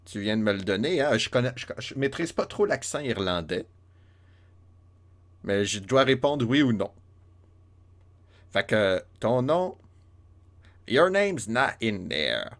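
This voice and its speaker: A man's voice: mid-range voice, expressive, unhurried, pauses often. A man gives casual, playful commentary on a game, joking along as he plays. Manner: playful, joking, many fillers and restarts. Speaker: let's play host.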